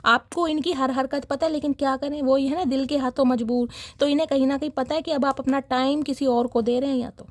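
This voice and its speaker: Young female tarot reader, high voice, dramatic and chatty with viewers, dry close recording. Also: fairly even intonation, brisk, hardly any pauses, dry recording. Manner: dramatic, chatty, laughs often, addresses viewers as guys. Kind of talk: casual tarot reading chat.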